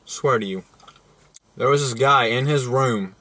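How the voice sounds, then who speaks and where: A man's voice: medium pitch, measured pace, a bit bright. A young man co-hosting a crude comedy show, telling rambling joking stories with slang and filler. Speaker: co-host.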